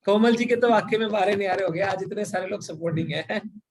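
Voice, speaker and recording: High-voiced man teaching sales on a call. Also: fairly quick, low-quality recording. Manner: explains step by step, mixes English into Hindi, asks "right or wrong?". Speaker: sales trainer. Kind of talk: live online training session.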